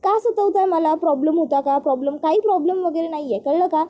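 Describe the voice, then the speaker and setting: A woman's voice: high voice, normal speed, warm tone, natural voice. A woman voicing a defensive, irritated young man in a spoken serial recap.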